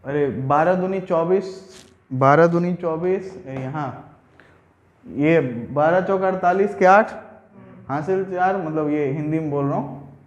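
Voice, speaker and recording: A man's voice: high-pitched, roomy sound. A young man teaching a math lesson at a board in a conversational way, often checking that students follow and mixing English terms into his talk.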